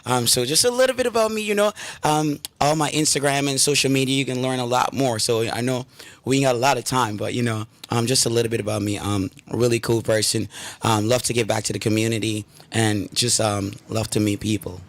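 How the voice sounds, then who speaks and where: A man's voice: mid-range voice, fairly even intonation, fairly quick, no room sound. A man from Guyana, a guest on a radio talk show, talking with enthusiasm and many fillers from inside the studio. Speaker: guest, drumming school founder. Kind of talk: radio interview.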